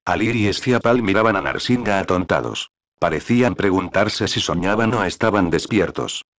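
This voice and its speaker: A man narrating a novel as an audiobook in a measured, steady reading. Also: low-pitched, no echo.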